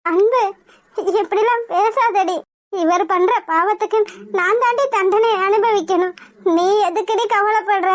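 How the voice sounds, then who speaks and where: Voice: very high voice, unhurried, no room sound, studio quality. A performer voicing a worried, consoling middle-aged mother in a cartoon drama, soothing and resigned.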